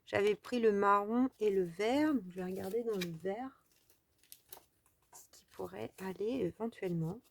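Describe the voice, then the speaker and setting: A woman's voice: mid-range voice, moderate pace, gravelly, slight background noise. A French woman chatting casually as she walks through a crafting tutorial, thinking aloud with trailing fillers. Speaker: crafting video host.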